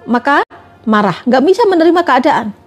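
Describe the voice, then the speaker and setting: A woman's voice: sits high, very animated, moderate pace, faint music behind. A woman giving a religious talk on a live stream, asking her listeners question after question. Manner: repetitive rhetorical questioning.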